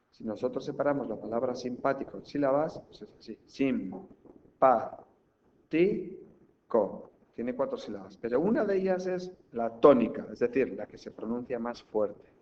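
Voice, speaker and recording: Man, patient teacher, spells out syllables slowly, dull audio, faint hiss. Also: mid-range voice. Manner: clapping out syllables slowly, checking in with "¿vale?". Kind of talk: explaining a language lesson. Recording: slightly dull recording with faint background hiss.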